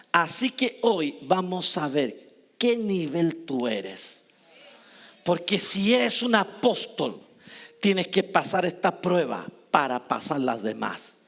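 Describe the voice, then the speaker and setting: A middle-aged man preaching a charismatic sermon, with emphatic loud bursts and slow, low drawn-out lines. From Chile. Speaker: apostle preaching.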